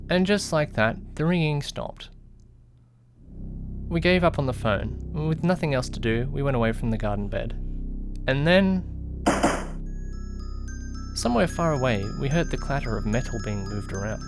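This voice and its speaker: Loud music plays behind a mid-range, animated, natural male voice that speaks at normal speed and pauses often. He's the detective's jittery, curious young companion, giving first-person narration for an amateur mystery audio drama full of suspense and questioning asides. The mood is suspenseful and curious.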